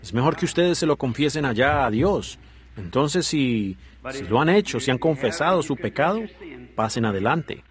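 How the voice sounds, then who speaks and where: A man's voice: medium pitch, lively intonation, moderate pace. A man giving the Spanish dubbed voice of a preacher, delivering an earnest sermon with many rhetorical asides and direct questions to the congregation.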